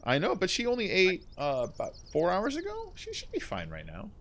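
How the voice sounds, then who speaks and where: Animated, joking streamer guy. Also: high voice, fairly quick. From United States. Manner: rambling, jokey, laughs often. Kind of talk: casual chat while gaming.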